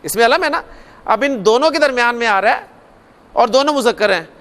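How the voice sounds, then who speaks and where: A man with a strikingly high voice teaches a grammar lesson. He walks through each rule step by step, says the key points twice and stops to ask the class questions. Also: expressive, fairly quick, fairly bright tone. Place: classroom or studio lecture.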